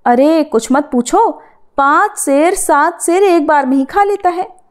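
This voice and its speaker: A woman storyteller speaks as the devotee's wife, a plain, devout village woman who talks frankly and homely. Her voice is high and bright. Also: unhurried.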